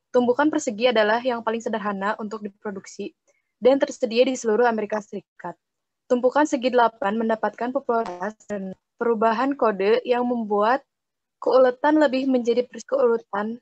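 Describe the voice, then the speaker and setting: A woman's voice: a little high, no room sound. Woman on a choppy, breaking-up call. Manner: careful reading with halting restarts on words. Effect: choppy, breaking-up online call audio. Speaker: student. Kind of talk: reading a textbook passage aloud. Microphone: online call. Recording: muffled, dry online call audio.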